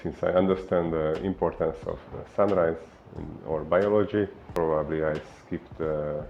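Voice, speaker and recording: A man from Hungary with a Hungarian accent, a fitness coach giving an unhurried explainer talk full of filler pauses. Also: very deep voice, fairly even intonation, highs cut off, slight background noise.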